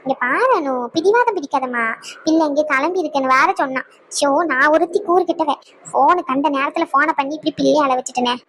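A woman's voice: sits high, a little fast, a bit bright, a little hiss or hum. A woman voicing an older cartoon mother, pleading and coaxing her tearful daughter over the phone. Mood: remorseful. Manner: pleading, coaxing, scolds herself. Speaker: cartoon voice actor. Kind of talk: cartoon skit voice acting.

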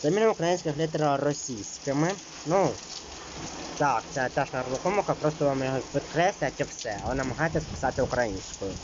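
A man's voice: medium pitch, expressive, fairly quick, highs cut off, noisy background. A man teaching an exam-prep lesson, reading out rules and then explaining them loosely, with many fillers.

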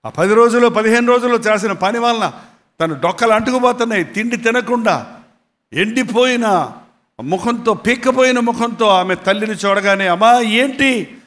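A male pastor preaching a sermon with dramatic, emotional storytelling and big swings in loudness. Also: sits high, normal speed, long reverb tail.

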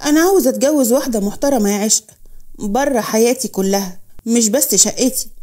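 A woman with an Egyptian accent voicing a callous young man who speaks slowly and dismissively. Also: a little high, dark tone, lightly acted. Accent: Egyptian Arabic. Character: callous deceitful young man, cold lover.

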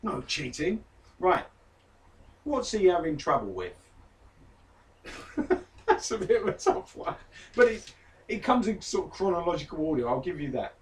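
A man's voice: fairly high pitch, wildly swooping pitch, unhurried, long pauses. A man co-hosting a casual podcast, running a quiz for his friend in a teasing, playful way. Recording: distant mic with faint background noise.

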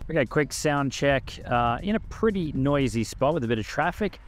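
A man's voice: medium pitch, expressive, moderate pace, soft background music. A man doing a casual sound check outdoors on his phone's built-in microphone, with the recording cleaned up by AI noise reduction. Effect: AI noise-reduction processing. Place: noisy spot outdoors near traffic.

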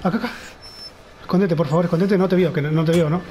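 Rioplatense guy, kinda high voice, jumpy and scared talking thru a horror game. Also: quick pace, warm tone, slight background noise, poor audio. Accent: Rioplatense Spanish. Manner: nervous, frightened muttering to himself. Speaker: gamer. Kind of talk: horror game let's play commentary.

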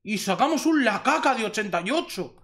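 A young man from Spain with a Spanish accent, doing excited pack opening commentary for his gaming channel, repeating himself and exclaiming at good pulls. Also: high voice, fairly quick. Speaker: gaming youtuber.

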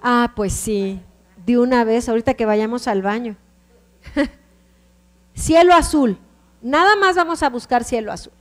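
Female instructor, Mexican accent, high-pitched, patient step-by-step classroom delivery, reverberant room. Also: unhurried, long pauses. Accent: Mexican Spanish. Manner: explains step by step, checks in with the class often. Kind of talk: classroom teaching.

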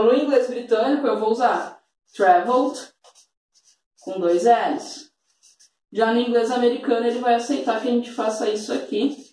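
A woman's voice: mid-range voice, warm tone, far from the mic. A woman teaching an English grammar lesson, patient and full of diminutives, checking in often with tag questions. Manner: fond of diminutives. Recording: very echoey room, voice off the mic.

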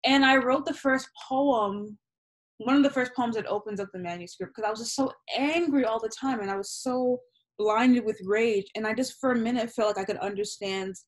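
Poor audio carries a slightly high woman's voice at normal speed. She's a young poet, native in Yoruba, guesting on an interview by video call from a small home room via laptop webcam, speaking candidly with swearing, gesturing animatedly as she casually reflects on her writing.

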